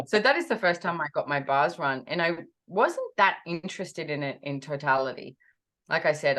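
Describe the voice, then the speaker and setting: A woman being interviewed over a video call, telling a personal story with animated energy and acting out her own quoted words. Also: low-pitched. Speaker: interview guest.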